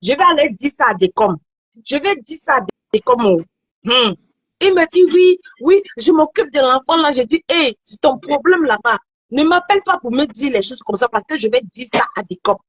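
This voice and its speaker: A woman in her thirties telling a story in an animated, repetitive way during a casual chat. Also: sits high, moderate pace, breathy edge, dry recording. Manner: animated storytelling, repeats phrases.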